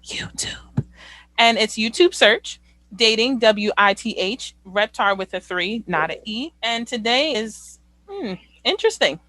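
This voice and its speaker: A woman's voice: a little high, a little slow, no room sound. A woman, hosting a casual, playful group chat about dating. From New York. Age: 20s. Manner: playful, animated, slangy. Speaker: host.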